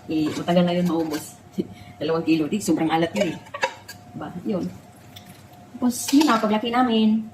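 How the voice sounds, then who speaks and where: A woman's voice: fairly low pitch, background noise. Chatty middle-aged woman vlogging in her kitchen. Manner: chatty, keeps calling out to her viewers; tearful and laughing while she reminisces. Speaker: cooking vlogger. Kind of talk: casual cooking chat and personal storytelling.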